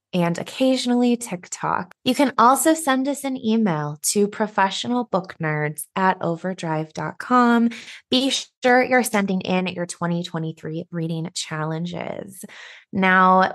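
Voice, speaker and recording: A woman in her thirties co-hosting a podcast, chatting casually and laughing often. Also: medium pitch. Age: 30s. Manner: friendly, laughing often, upbeat. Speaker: podcast co-host. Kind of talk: casual chat.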